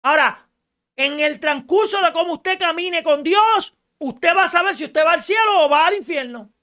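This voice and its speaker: A woman preaching a radio sermon in an emphatic style, rising to shouts and asking rhetorical questions. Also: very high-pitched, normal speed.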